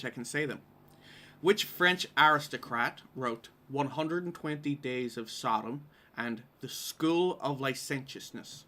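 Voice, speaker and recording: A male quiz host with a Derry accent from Northern Ireland reads questions aloud on a live stream, casual in manner and fond of wry asides. His voice sits on the high side, bright and forceful, and a little hiss or hum can be heard.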